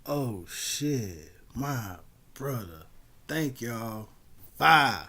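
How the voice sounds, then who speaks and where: A man's voice: mid-range voice, moderate pace. A man hosting a livestream in casual, slangy, conversational talk. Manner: conversational, peppered with slang and shout-outs. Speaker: livestream host.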